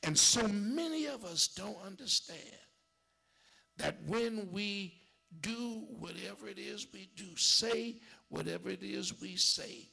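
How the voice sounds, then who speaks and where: Preaching at a slow pace, a man with a high, expressive, gravelly voice repeats lines to build his sermon in a call-and-response style. His delivery swings between rising shouts and hushed whispers.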